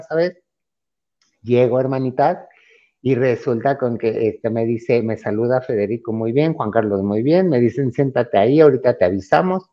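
Mexican guy on a podcast telling a story, does all the voices, kinda dull lo-fi sound. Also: medium pitch. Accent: Mexican Spanish. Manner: animated, acts out quoted dialogue in a raised voice. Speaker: podcast guest. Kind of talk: casual anecdote telling.

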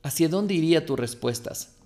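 A man's voice: a little high, expressive, normal speed, warm tone. A man hosting a podcast, giving a motivational monologue full of rhetorical questions. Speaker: podcast host.

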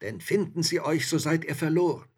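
Man playing an old woman, storybook, worried, urgent warnings, husky, raised pitch. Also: fairly quick.

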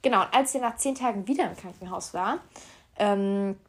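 A woman's voice: medium pitch, fairly quick. A young woman telling a story casually, acting out conversations with rising disbelief. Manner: animated, acts out dialogue with rising disbelief.

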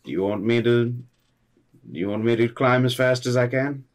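A man's voice: medium pitch, fairly even intonation, moderate pace. A man bantering casually as a player in a tabletop role-playing game.

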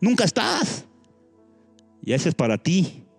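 Animated pastor preaching over faint music. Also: male voice, slow pace, creaky, husky. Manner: animated preaching with sudden jumps in pitch; thinks aloud with restarts and asides. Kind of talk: sermon.

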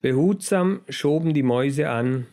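A man reading a children's book aloud in a measured storytelling manner. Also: a little high, expressive, dark tone. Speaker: narrator. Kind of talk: audiobook narration.

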